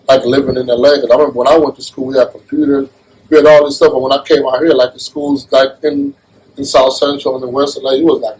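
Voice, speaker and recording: A man's voice: mid-range voice, background noise. A man from Jamaica being interviewed, talking in an earnest, casual way and often restarting his phrases. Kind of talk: casual conversation.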